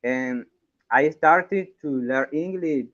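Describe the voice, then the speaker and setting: A man speaking English very slowly and earnestly, dropping in "bro" as he goes. His voice comes through a dull, lo-fi call line, dry and close. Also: medium pitch, fairly bright tone, no room sound. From Nicaragua. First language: Spanish. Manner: earnest, calls people bro. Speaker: caller, student.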